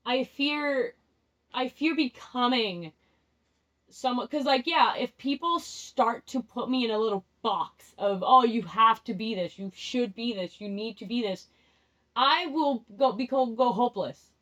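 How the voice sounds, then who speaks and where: A young woman, a native Spanish speaker, gives a rambling and candid tarot reading for her vlog, frequently restarting sentences and laughing at herself. Her voice is on the high side, unhurried and somewhat bright. The recording sounds dull and lo-fi.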